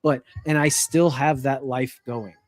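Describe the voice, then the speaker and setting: A man's voice: medium pitch, steady tone, measured pace, no room sound. A man co-hosting a casual gaming podcast, talking in an easygoing, rambling way. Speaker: podcast co-host.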